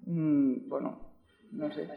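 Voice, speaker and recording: A woman's voice: low voice, steady tone, takes it slowly, creaky, narrow, tinny audio. A woman from giving a guest lecture and taking questions, talking conversationally and often checking in with her listeners. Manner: conversational, frequent checking "¿vale?". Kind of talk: lecture with audience Q&A.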